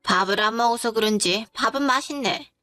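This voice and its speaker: A woman's voice: on the high side, a little fast, bright, forceful tone, soft background music. A woman voicing a rude, scornful middle-aged mother-in-law who talks in a blunt, dismissive way in a dramatized story.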